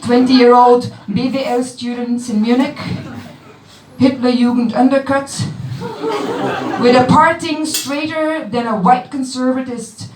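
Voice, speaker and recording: A woman's voice: sits high, steady tone, measured pace, distant mic. Flemish woman doing stand-up, roomy club sound. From Belgium. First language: Dutch. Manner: playful, teasing the crowd. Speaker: stand-up comedian. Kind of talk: stand-up comedy. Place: small comedy club. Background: crowd laughter.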